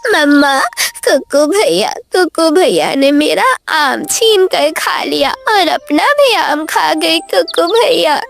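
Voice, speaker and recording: A whiny little girl chick in a children's cartoon. Her voice is very high and piping as she tattles on her brother, with faint music behind. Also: animated, measured pace. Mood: tearful.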